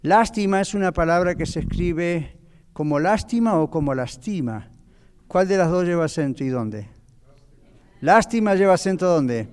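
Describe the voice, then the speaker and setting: A man's voice: sits high, moderate pace, clear, resonant tone, in a large hall. A man teaching a Bible lesson to a church class, explaining patiently and asking the audience questions.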